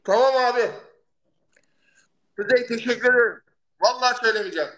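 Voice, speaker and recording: A man hosting a casual live stream, loud and excitable, shouting thanks for gifts and swearing casually. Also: extremely high pitch, brisk. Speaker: livestream host.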